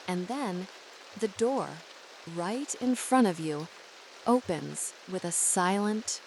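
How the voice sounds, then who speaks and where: Over the faint hiss of rain, a woman with a medium-pitched, slightly mellow voice narrates a guided sleep visualization very slowly, phrasing each thought with soothing care. The recording is rough.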